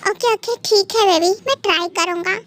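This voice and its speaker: A woman's voice: very high-pitched, brisk, slight background noise. A girl voicing a scolding mafia husband. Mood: coaxing. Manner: scolding, then coaxing and tender. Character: possessive young male mafia husband. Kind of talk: Hindi fan dub voiceover.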